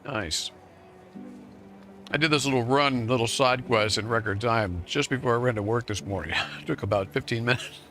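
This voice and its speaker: Talking fairly quickly over music, this mid-pitched man runs a live game stream, reading out patch notes and doing gameplay commentary. He banters with his viewers playfully, boasting in jest.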